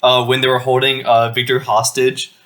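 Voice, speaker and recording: A man's voice: mid-range voice, monotone, moderate pace, a bit bright. A young man co-hosting a casual movie podcast, giggling and full of fillers. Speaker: podcast co-host.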